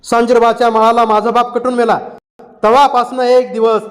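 A man's voice: extremely high pitch, level tone, normal speed, voice pushed up. A man reading a novel aloud and voicing a fierce, defiant male outlaw leader in raised, impassioned village speech. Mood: bitter defiance.

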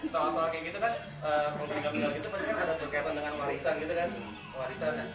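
A young adult man performs a stand-up routine in a large open-plan office, telling stories and acting out character voices, his voice on the high side with fairly even intonation and a very fast pace. A far-off camera picks him up, so the sound is roomy, with office ambience and colleagues in the background.

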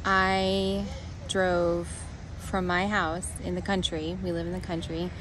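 A woman in her forties talks slowly into a phone held at arm's length in a parking lot, her voice lowish with little pitch movement. She sighs often through a rambling, flustered story for her casual selfie vlog, and the background is noisy.

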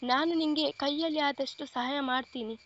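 A woman voicing a caring young man who plays a protective elder brother, speaking gently and reassuringly, in a storybook reading. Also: high-pitched, fairly even intonation, normal speed, muffled recording, slight background noise.

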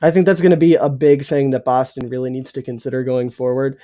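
Opinionated young man, husky throat. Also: medium pitch, little pitch movement, fast, dark tone. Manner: opinionated, swears freely, hot takes. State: losing his voice, clearing his throat. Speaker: podcast co-host. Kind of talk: casual sports chat.

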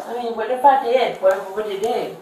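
A woman's voice: medium pitch, normal speed, dark tone. A woman, rambling and pleading while being held by police. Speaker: person being arrested. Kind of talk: police custody recording. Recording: echoey room, distant mic, background noise.

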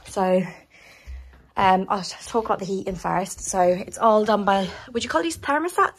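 A young woman gives a casual, rambling vlog tour, filling her talk with "um" and "like" as she walks from room to room. Her voice has a gravelly, slightly husky edge. She records on a handheld camera indoors in a small house. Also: mid-range voice. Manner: chatty, rambling, filler-heavy. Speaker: vlogger. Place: small house indoors, moving between rooms.

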